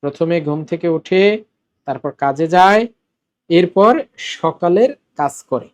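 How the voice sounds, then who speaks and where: A man teaching a Korean lesson in Bengali, explaining step by step, repeating words slowly and asking the class questions. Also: fairly high pitch. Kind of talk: classroom-style language lesson.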